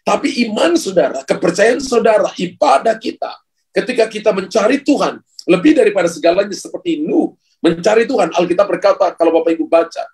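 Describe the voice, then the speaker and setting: A man's voice: high voice, darkish tone, husky. A male pastor preaching a sermon, speaking emphatically and addressing the congregation directly.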